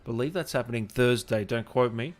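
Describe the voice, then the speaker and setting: A man hosting a livestream reads viewer comments aloud and chats with them informally, joking around in a matey way. His voice is mid-range and fairly quick.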